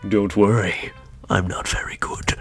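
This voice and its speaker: A sinister young woman who leads a literature club, as a man puts her on, speaks in a breathy, husky whisper. Her slow, drawn-out lines sound menacing in a low register, over faint game music. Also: little pitch movement.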